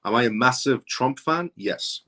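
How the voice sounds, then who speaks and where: A man in his thirties with a medium-pitched, expressive voice speaks at a measured pace, sounding pushed and bright. Hosting a live stream, he reads viewer comments aloud and answers them, driving his points home in an emphatic, repetitive, insistent way.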